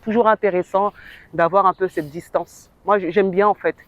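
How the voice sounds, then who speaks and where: A woman from French Guiana, an author and actress, telling her story in an interview in a reflective, animated way. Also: medium pitch, moderate pace, dull audio. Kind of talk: interview testimonial.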